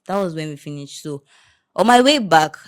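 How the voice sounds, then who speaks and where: A young woman with a Nigerian accent co-hosts a casual podcast and tells her stories with lively energy. She drops into pidgin phrases now and then. Her voice sits a bit low. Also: moderate pace. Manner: animated storytelling, mixes in pidgin. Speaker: podcast co-host. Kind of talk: casual chat.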